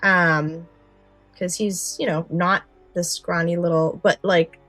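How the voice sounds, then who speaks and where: This woman's voice sits fairly low and steady, slow-paced and slightly bright, as soft music plays behind her. She's a podcast co-host in a casual, gushing conversation about movies and scary stories, informal and full of "like."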